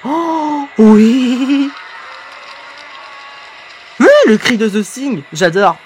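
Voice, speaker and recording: Young guy reacting to a cartoon, super excitable, voice jumps all over, yells a lot, slangy. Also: very high voice, a little slow, a little hiss or hum. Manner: excitable, bursts into shouts and slang. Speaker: YouTuber reacting to an animation.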